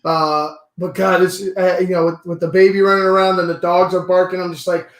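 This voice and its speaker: Hungover guy hosting a casual sports podcast, pretty high voice, echoey room. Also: little pitch movement, a little fast. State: hungover with a slight headache.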